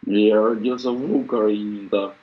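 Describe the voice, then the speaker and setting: A man's voice: on the low side, steady tone, a little slow, lo-fi sound. A middle-aged man on a video call, pressing his questions insistently and repeating them again and again. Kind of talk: heated casual argument.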